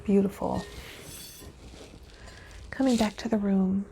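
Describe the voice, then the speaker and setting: Slow, steady and mellow, with a medium, creaky voice and a bit of background noise, this woman hosts a spiritual vlog. As a tarot reader and healer, she addresses viewers directly, mixing read-aloud guidance with casual talk.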